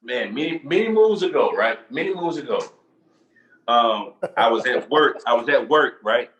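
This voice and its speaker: Animated man telling a story. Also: mid-range voice, normal speed, dull audio. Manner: animated, repeats phrases, laughs while telling. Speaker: podcast co-host. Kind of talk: casual storytelling chat.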